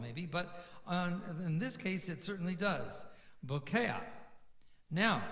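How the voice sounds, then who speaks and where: A man's voice: high voice, fairly bright tone. A man leading a prayer service and patiently, enthusiastically explaining Hebrew pronunciation to the congregation like a teacher. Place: synagogue sanctuary. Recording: echoey room sound.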